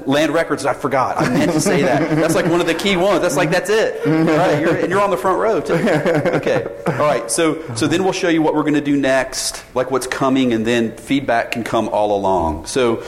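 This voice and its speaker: A man in his forties with a fairly high voice speaks at a normal speed with few pauses during a casual conference presentation. As a sales director, he keeps polling the audience and often restarts his sentences. The session room is a reverberant hall with faint ambience, captured on a tethered mic.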